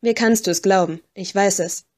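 A woman's voice: mid-range voice, normal speed, lightly acted. Woman reading as a smug whispering skull ghost. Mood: musing. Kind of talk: audiobook reading.

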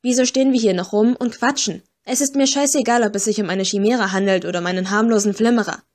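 A woman's voice: mid-range voice, fast talker, darkish tone, natural voice. A woman voicing an agitated young female ghost agent, angry and frightened, in an audiobook. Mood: upset agitated.

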